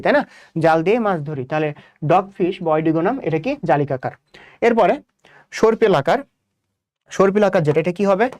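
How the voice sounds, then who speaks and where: A man's voice: high-pitched, a little mellow, no room sound, studio quality. A young man from Bangladesh with a Bangladeshi Bengali accent, teaching a biology exam-prep lesson, repeating points and quizzing students with rhetorical questions. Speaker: biology tutor.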